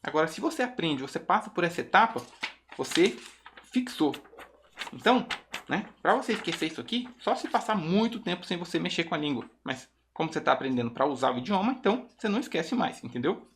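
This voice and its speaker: A man with a Brazilian Portuguese accent teaching English online, who explains patiently and reads example sentences slowly. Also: on the high side, big pitch swings, fairly bright tone, a little hiss or hum. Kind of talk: online language lesson.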